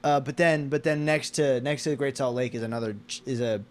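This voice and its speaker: An American man chatting casually and haltingly, searching for words and restarting as he rambles. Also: medium pitch.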